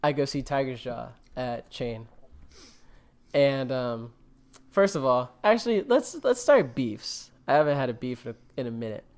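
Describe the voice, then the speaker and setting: A podcast co-host chats casually, rambling with plenty of fillers and jokes. His mid-range voice has lively intonation and a moderate pace.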